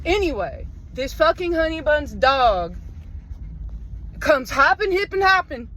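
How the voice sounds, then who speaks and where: A woman telling a rambling, profane comic story about her morning walk, with deadpan asides. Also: sits high, measured pace, poor audio. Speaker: vlogger. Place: outdoors in a wooded park.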